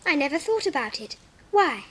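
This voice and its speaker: High-voiced, polite little Alice. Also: female voice, sing-song, normal speed. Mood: polite, interested. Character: polite, curious, well-spoken little English girl. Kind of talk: 1950s dramatised storybook recording.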